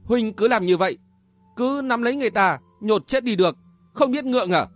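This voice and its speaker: A woman's voice: fairly high pitch, expressive, brisk, soft background music, voice pushed up. A man voicing a bashful young woman in a martial-arts romance audiobook, speaking in a coy, pleading tone. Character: young shy lovestruck woman, bashful and teasing.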